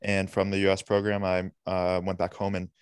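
A man's voice: sits low, completely flat delivery, normal speed, smooth, no room sound, clean studio sound. A young man from Massachusetts answering podcast questions earnestly, with frequent fillers. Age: young adult. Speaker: podcast guest, college hockey player. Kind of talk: casual interview answers.

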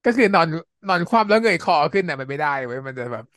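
A man co-hosting a casual podcast chat, chiming in with quick remarks and explanatory asides. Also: a little high, expressive, a bit bright, clear, resonant tone, no room sound, studio quality.

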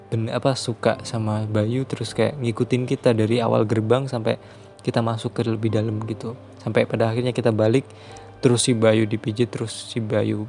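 A man's voice: fairly low pitch, gravelly, darkish tone. A man telling a true horror story in casual chat, rambling and repeating himself, dropping his voice on the eerie parts.

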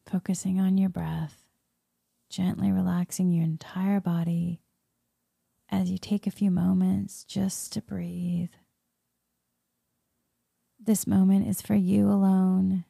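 Female meditation leader; soothing half-whispered murmur, very dark mellow tone, dry close sound. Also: mid-range voice, level tone, takes it slowly, long pauses, no room sound. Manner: soft, breathy, soothing spa-like murmur, often slipping into whisper. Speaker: guided meditation leader, Reiki healer. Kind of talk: soft guided meditation.

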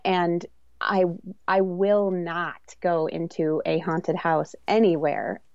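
A woman's voice: fairly low pitch, steady tone, slow, no echo, highs cut off. A woman chatting casually as a podcast guest, self-deprecating and giggly in manner. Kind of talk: casual chat.

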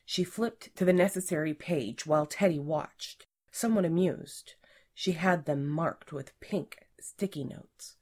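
A woman narrating a story in an even, measured storytelling manner. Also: low-pitched.

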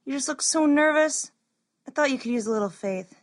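A woman's voice: high voice, animated, brisk. An actress playing Corley, a young female cleric apprentice, affectionate and teasing.

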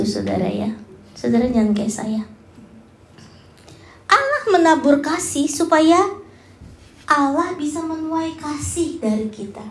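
A woman's voice: high-pitched, slight background noise. A woman in her forties preaching a sermon, talking conversationally and addressing the congregation directly with personal stories. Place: church hall. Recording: echoey hall.

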